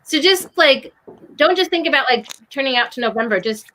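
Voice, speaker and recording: A woman's voice: high voice, animated, brisk, pushed and bright, low-quality recording. A woman podcaster talking earnestly and urging listeners on, in a casual discussion over a video call. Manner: earnest, urging, with many likes.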